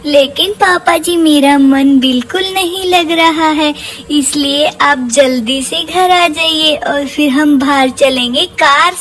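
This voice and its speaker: A woman's voice: high voice, slight background noise. A woman voicing a playful, cheeky baby boy in cutesy baby talk with doubled words, as a vlogger narrating for her baby.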